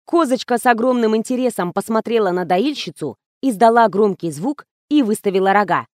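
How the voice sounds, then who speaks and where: A woman narrating a comic first-person story in a lively, ironic way, close to the mic. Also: a little high, brisk, dry recording. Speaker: audiobook narrator. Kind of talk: scripted narration.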